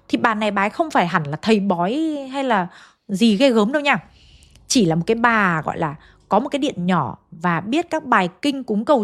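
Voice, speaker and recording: A woman narrates a ghost story as if chatting with friends, turning to her listeners as she goes. Her voice sits fairly high. Soft music plays faintly behind her. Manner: chatty, addresses listeners directly. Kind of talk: conversational storytelling.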